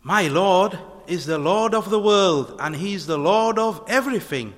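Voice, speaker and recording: A man voicing an earnest young prophet for a children's story, declaiming slowly in wonder. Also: high voice, animated, pitched above the performer's own voice. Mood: triumphant certainty. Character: earnest young male prophet marvelling at the heavens. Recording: long hall-like reverb on voice.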